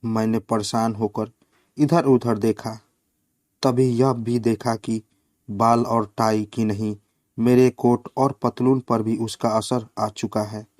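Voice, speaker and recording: A man reads a satirical short story aloud, slow and measured. His voice sits at an ordinary middle pitch. The recording is close and dry, with no room sound. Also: flat delivery, a little mellow, no echo. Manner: slow, measured reading with quoted lines voiced in the flow.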